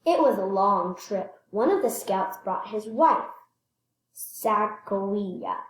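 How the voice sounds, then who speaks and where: A woman with an animated, mid-range voice reads a children's picture book aloud, stressing words expressively and pausing to point things out. She's a read-aloud storyteller, recorded in an echoey room.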